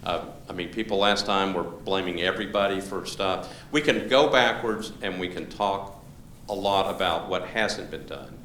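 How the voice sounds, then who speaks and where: A man with a low, fairly bright voice facilitates a public meeting in a large library room, talking informally and conversationally while restarting his sentences often. He keeps a moderate pace with few pauses, and the hall sounds echoey with faint room noise.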